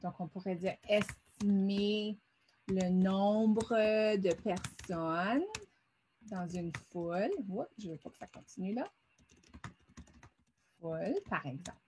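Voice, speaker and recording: A woman's voice: medium pitch, slow pace, long pauses, a little mellow, a little hiss or hum. A middle-aged woman teaching a vocabulary lesson over a screen, patiently sounding words out syllable by syllable.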